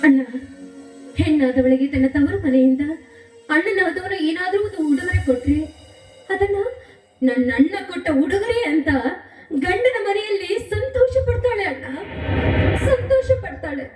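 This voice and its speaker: A woman's voice: very high-pitched, animated, moderate pace, long pauses, darkish tone. A woman acting a loving young sister about to marry in a melodramatic stage play, pleading and emotional. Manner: pleading, emotional, laughs through tears. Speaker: actor. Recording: echoey stage sound from far off, with music. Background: music.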